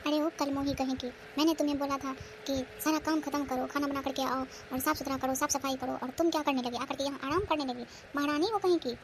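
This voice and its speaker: A woman voicing a cruel, bossy sister-in-law who nags and scolds loudly in a cartoon. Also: high-pitched, steady tone, quick pace, hardly any pauses, slight background noise. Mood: scolding. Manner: harsh, nagging, loud.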